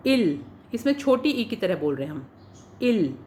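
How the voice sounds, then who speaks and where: A woman's voice: mid-range voice, very animated, fast, a little mellow, a little hiss or hum. Patient woman teaching English pronunciation. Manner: patient, repeats each word then gives its meaning. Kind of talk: spoken English lesson for Hindi speakers.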